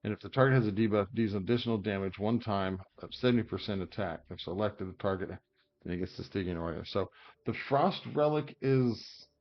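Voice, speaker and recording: Low-voiced guy going over game builds, lots of ums, slightly muffled mic, hiccupy. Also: a little fast. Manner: rambling, thinking aloud with many fillers. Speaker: game guide creator. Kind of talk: casual gameplay commentary.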